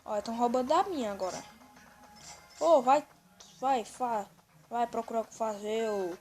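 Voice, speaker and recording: A woman with a Brazilian accent giving excitable, running commentary on a game she is playing for a video, often telling the viewer to look. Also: on the high side, normal speed. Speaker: gaming video host. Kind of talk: let's-play gameplay commentary. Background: faint game music.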